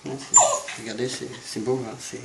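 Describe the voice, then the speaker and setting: A man's voice: mid-range voice, huge pitch swings, normal speed, recorded from a distance, very noisy. Man playing pompous intellectual film director, echoey room. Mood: proudly showing off. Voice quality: hesitant, filler-laden delivery. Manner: pretentious, rambling, mock-modest. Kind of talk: parody interview, improvised-sounding. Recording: roomy echo, music behind.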